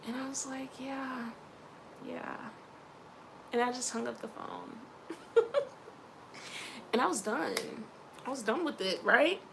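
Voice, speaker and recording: A young woman vlogger casually telling stories to camera, animated and acting out the people she quotes. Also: fairly high pitch, unhurried, gravelly, long pauses, noisy background. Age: young adult. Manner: animated, quoting others in lively voices. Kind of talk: casual storytelling vlog.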